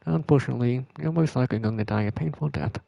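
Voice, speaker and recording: A man's voice: mid-range voice, fast talker, vocal fry, highs cut off, background noise. A man reading the lines of a haughty sorceress villain from a video game, in a cold, gloating manner. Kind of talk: reading game dialogue aloud.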